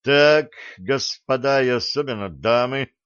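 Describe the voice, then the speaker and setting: A man reading an audiobook, voicing a calm, authoritative ship captain in a measured way. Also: medium pitch, clear, resonant tone, dry recording, lo-fi sound, lightly acted. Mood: firm.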